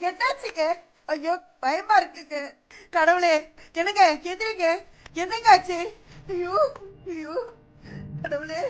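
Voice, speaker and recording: Frantic sobbing wife. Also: female voice, very high voice. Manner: crying, pleading, repeating herself. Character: frantic wife trying to wake her fainted husband. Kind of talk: TV serial acting.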